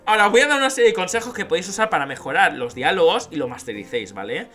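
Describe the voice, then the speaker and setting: A man's voice: sits high, sing-song, very fast, music in the background. A man giving casual advice on writing dialogue, chatty and informal, often checking in with "¿vale?". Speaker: YouTube writing-advice creator. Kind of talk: casual tutorial talk.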